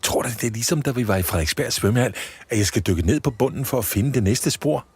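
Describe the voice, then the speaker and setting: A man voicing a cheeky little Christmas elf girl in a high, bubbly, mischievous voice for a storybook reading. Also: expressive, husky, no room sound. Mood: excited.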